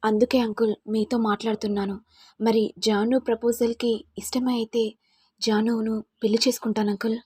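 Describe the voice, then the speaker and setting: A woman's voice: fairly high pitch, level tone, normal speed, a little mellow, breathy edge, dry recording, clean studio sound. A woman voicing a polite young male lecturer who speaks earnestly.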